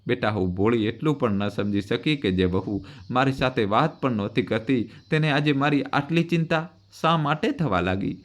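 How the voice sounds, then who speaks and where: A man's voice: medium pitch, animated, moderate pace, lightly acted. A man reading the farewell letter of a dying old mother in a tender, pleading tone. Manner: tender, pleading, gently reproachful.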